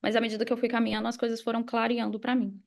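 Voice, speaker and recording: Speaking rapid-fire with a creaky, fairly high voice that barely shifts in pitch, this podcast guest is a Brazilian affiliate marketer and mindset coach. She discusses mindset casually and with motivating emphasis. Key phrases recur, and she leans on examples and quotes she acts out.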